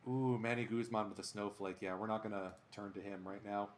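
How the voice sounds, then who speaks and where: A man's voice: fairly low pitch, fairly quick, slight background noise. A man streaming a baseball video game, calling each play like a sportscaster and chatting with his viewers between plays. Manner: animated sportscaster-style calls. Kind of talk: play-by-play commentary while gaming.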